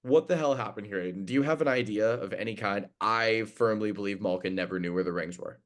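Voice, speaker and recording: A young man co-hosting a casual sports podcast, animated and joking as he rambles through hockey news. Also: lowish voice, fast. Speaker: podcast co-host.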